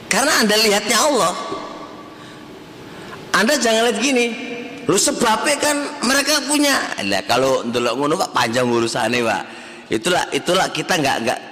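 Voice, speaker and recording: A man's voice: sits high, a bit bright. A man giving a conversational sermon to a study circle, often asking the audience questions. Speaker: Islamic teacher. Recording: long hall reverb.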